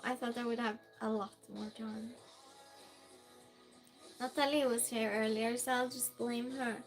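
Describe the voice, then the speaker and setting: On a live stream, a native Norwegian-speaking woman with a Norwegian accent reads viewer messages aloud in casual chat, stumbling through fillers and restarts. Her voice is on the high side with a sharp tone.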